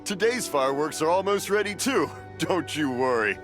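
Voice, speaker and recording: An actor playing a cheerful, hard-of-hearing old fireworks maker who rambles and mishears. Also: male voice, fairly high pitch, lively intonation, moderate pace, natural voice. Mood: cheerful, rambling. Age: older. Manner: rambling, mishears and repeats himself, chuckles. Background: game music.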